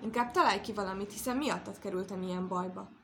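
A woman's voice: mid-range voice, background noise, close to an everyday voice. A woman voicing a proud, stubborn and stingy old cow in a storybook reading. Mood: cross. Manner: boastful, then cross and grumbling.

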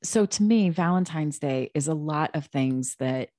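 Casual female podcast co-host; low, mellow voice, emphatic and rambling. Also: expressive, a little slow, no echo, clean studio sound. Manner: chatty, emphatic, many restarts and asides.

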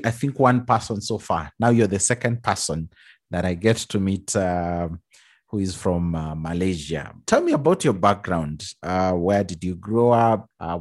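A man's voice: low voice, expressive, measured pace, darkish tone. A man hosting a magazine show, who interviews his guest attentively and keeps saying mm-hmm as he listens. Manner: attentive, with many backchannel mm-hmms.

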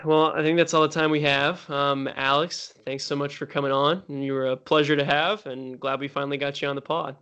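A young man hosting a podcast, chatting and joking in an upbeat way with quick asides. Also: a little high, flat delivery, a bit bright, clear, resonant tone, highs cut off. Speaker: podcast host. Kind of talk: casual chat.

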